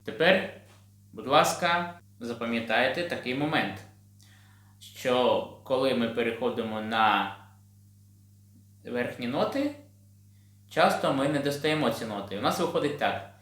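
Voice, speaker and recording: A man from Ukraine teaching a children's singing lesson on video, patient and gentle. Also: medium pitch, a little slow, long pauses. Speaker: choir teacher. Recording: roomy sound with piano.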